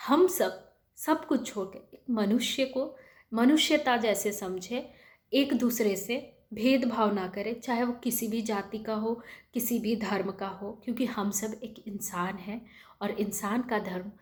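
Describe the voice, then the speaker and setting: Earnest woman giving a spiritual talk. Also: a little high. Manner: earnest, pleading, with rhetorical questions; mixes in English words. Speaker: spiritual speaker.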